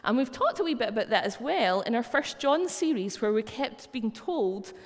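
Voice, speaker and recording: A woman's voice: a little high, sing-song, moderate pace. A woman with a Scottish accent preaching a sermon in a chatty, storytelling way. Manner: conversational, anecdotal storytelling. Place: church hall. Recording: long reverb of a church.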